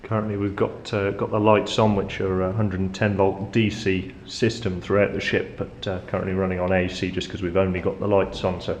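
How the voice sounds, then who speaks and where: The echo of a metal-walled engine room on a ship surrounds a low-pitched male voice, along with faint background noise. He leads an informal guided tour, explaining as he goes, speaking briskly with few pauses and very flat intonation.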